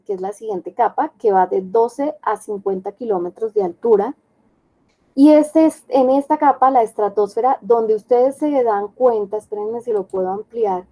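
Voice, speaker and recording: A woman's voice: fairly high pitch, vocal fry, dark tone, poor audio. A woman teaching an online class, explaining step by step and often checking with her students. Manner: explanatory, checks understanding with questions.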